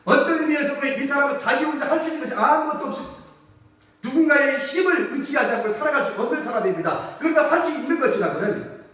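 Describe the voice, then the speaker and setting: A man's voice: extremely high pitch, lively intonation, fast talker, fairly bright tone. A man preaching a sermon as pastor, emphatic and full of rhetorical questions to the congregation. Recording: echoey church hall from far off.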